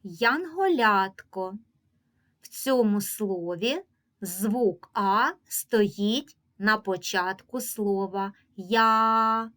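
A woman's mid-range, slightly bright voice carries a Ukrainian accent as she teaches reading to young children. Example words are drawn out slowly, and her instructions are patient and clearly paced.

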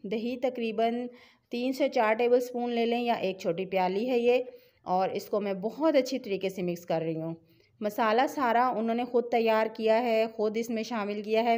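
A middle-aged woman with a Pakistani Urdu accent walks viewers through a home recipe step by step. Her voice sits a little high, and she keeps the tone chatty and encouraging as she urges them to try it. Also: a little mellow. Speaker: cooking channel host. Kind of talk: home cooking tutorial voice-over.

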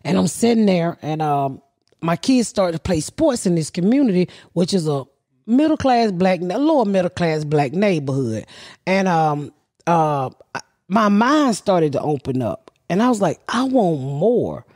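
A woman's voice: lowish voice, animated, a little slow, darkish tone. A middle-aged woman spins long, rambling stories with blunt, profane humor. She speaks into a handheld mic on a living-room couch. The sound is dry and close, with little room echo. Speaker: podcast host. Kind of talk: casual storytelling chat. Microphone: handheld mic with headphones.

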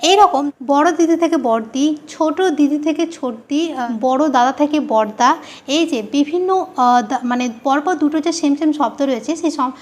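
উঁচু গলায় শিক্ষিকা, ধীরে ধীরে ব্যাকরণ বোঝাচ্ছেন. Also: female voice, high voice, darkish tone. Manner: repeats key terms slowly, asks and answers her own questions. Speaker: teacher. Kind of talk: grammar lesson.

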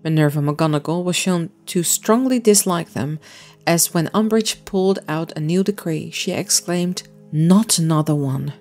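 A woman with a somewhat low voice narrates her own crafting vlog in a relaxed, chatty way, walking through each step of a miniature build. Soft music plays faintly underneath. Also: moderate pace. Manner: friendly, chatty, explaining step by step. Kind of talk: casual voice-over narration.

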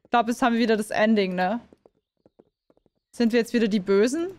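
A woman chatting casually as she plays a game, reading and translating the lines aloud as she goes. Her voice sits slightly high. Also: fairly quick, a little mellow. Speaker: gaming streamer.

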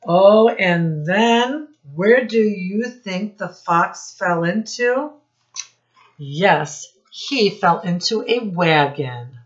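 This middle-aged storytime teacher has a medium-pitched, expressive voice and takes her time reading a picture book lesson to young children. Her delivery is instructive, full of questions for the listeners and stretched-out emphasis on important words. Captured on a home webcam in a small indoor room, the sound is dull, lo-fi and a little muffled.

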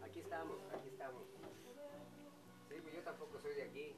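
A man in his fifties who owns a café in Ecuador talks casually and at length on the outdoor patio, repeating himself with emphasis. His voice runs on the high side, steady and brisk. He's recorded by a far-off camera sitting on a table outdoors, with music playing behind him.

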